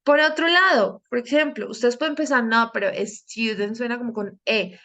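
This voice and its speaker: A woman's voice: fairly high pitch, normal speed, pushed and bright, dull audio. A young woman teaching an English grammar lesson, carefully repeating each word so learners catch its pronunciation.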